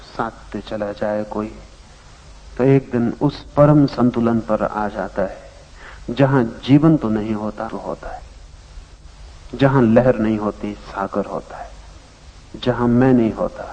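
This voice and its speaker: A man giving a spiritual discourse, telling a parable in slow phrases with long pauses, his loudness rising and sinking. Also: on the low side, in a large hall. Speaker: spiritual teacher. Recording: dull lo-fi archival tape.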